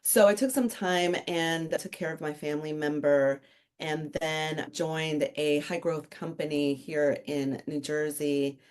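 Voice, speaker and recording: A woman's voice: sits low, steady tone, measured pace, a little mellow, clear, resonant tone. A middle-aged woman from the Dominican Republic, a guest on a podcast telling her career story in a casual, joking way. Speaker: podcast guest, author and consultant. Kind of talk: casual interview chat.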